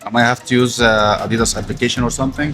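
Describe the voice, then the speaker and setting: A man's voice: mid-range voice, fairly even intonation, racing. A man from Egypt, a vlogger, chatting casually and jokingly with a shop clerk in a clothing store. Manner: friendly, joking, repeats himself. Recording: loud music in the background.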